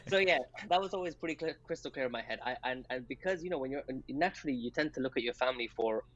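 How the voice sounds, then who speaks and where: A man's voice: mid-range voice, expressive, quick pace, highs cut off. A man in his twenties, a doctor raised in England, chatting casually as a podcast guest and laughing often. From Pakistan, raised in England.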